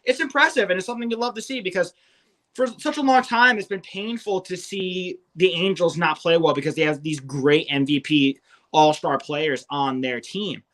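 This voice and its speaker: A man's voice: sits high, normal speed, fairly bright tone. A young man co-hosting a fantasy baseball podcast, rattling off stats with enthusiasm. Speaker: co-host.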